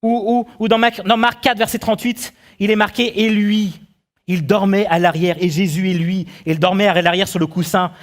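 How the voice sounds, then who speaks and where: A man preaching a sermon as pastor, animated and full of rhetorical questions to his congregation. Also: sits high, normal speed, few pauses. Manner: acts out the quotes he tells.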